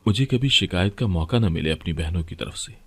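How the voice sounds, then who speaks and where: A man voicing a stern young husband who is devoted to his sisters and speaks in a sharp, scolding way. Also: low voice, animated, fairly quick, slightly rough, exaggerated voice. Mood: earnest.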